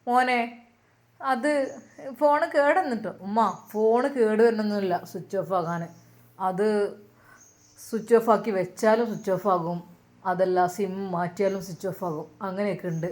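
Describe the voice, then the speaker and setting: A woman voicing a calm young man, patiently explaining things to his mother. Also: mid-range voice, normal speed, long pauses, close to an everyday voice.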